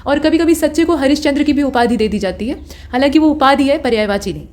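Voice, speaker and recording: A woman teaching an exam-prep grammar lesson, reading through word lists at a steady pace and stopping for short corrections. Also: high voice, fast.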